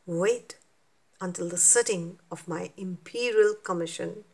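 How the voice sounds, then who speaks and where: A woman reading aloud as a proud male lion king who makes loud, royal proclamations, at a slow pace. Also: on the low side, slightly rough. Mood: reassuring.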